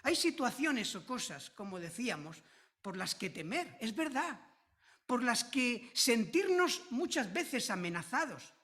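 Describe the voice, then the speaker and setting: A woman from preaching a sermon, slow and emphatic, repeating key phrases with drawn-out stress. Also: on the high side, big pitch swings, a bit bright.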